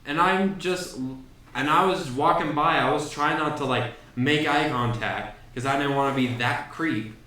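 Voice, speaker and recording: Young man, bright-voiced college podcaster, rambling and cursing, mic a little far off. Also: on the high side, moderate pace, heavy reverb. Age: young adult. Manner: rambling, heavy swearing. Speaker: podcast co-host. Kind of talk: casual chat. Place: dorm room.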